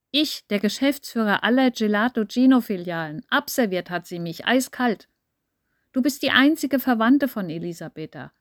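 A woman voicing a melodramatic, grief-stricken man who exclaims and rants theatrically in a high, loud voice in an audiobook. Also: no room sound, studio quality, natural voice. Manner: exclaiming, sobbing, ranting.

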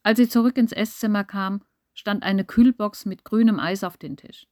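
A woman narrates a story in a calm, measured voice. Her pitch sits in a middle range. The recording is dry and close with no room sound. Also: dry recording. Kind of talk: audiobook narration.

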